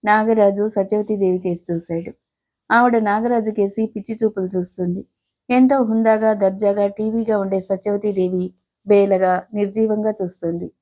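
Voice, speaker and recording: A woman's voice: mid-range voice, steady tone, moderate pace, mellow. A middle-aged woman reading a family story aloud, voicing the characters' lines in her own voice. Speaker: story narrator. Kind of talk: scripted storytelling narration.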